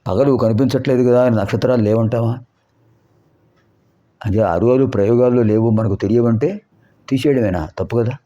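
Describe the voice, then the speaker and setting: A man teaching a Sanskrit lesson, explaining grammar and slowly repeating sounds to show how to pronounce them, with rhetorical questions. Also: mid-range voice, mellow. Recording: dull lo-fi recording.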